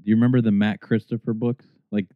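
Laid-back podcast co-host, man in his 30s, lowish voice, thin phone-like audio. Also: flat delivery, fast talker, dry recording. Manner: easygoing, agreeable, reads trivia questions. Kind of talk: casual nostalgic chat. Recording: dry, tinny phone-like sound.

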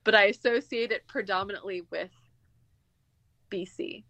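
A woman's voice: mid-range voice, moderate pace, pushed and bright, no echo, highs cut off. A woman chatting casually as a guest, reacting expressively with little interjections. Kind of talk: casual chat.

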